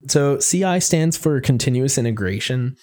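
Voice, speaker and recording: A man's voice: medium pitch, expressive, normal speed, warm tone. A man co-hosting a podcast, explaining technical things in a casual, conversational, somewhat hedging way. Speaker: podcast co-host.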